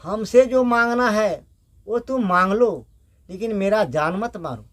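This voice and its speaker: A captured magical bird, the spirit of fate, begs for its life, as a male storyteller voices it. It speaks slowly, in a plain pleading tone. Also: high-pitched, lively intonation, fairly bright tone.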